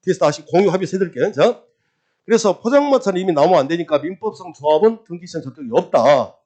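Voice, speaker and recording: High-voiced lively male law lecturer. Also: quick pace, highs cut off. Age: middle-aged. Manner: lively, quizzing, drills with repeated questions and answers. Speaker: real estate law exam lecturer. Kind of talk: classroom lecture.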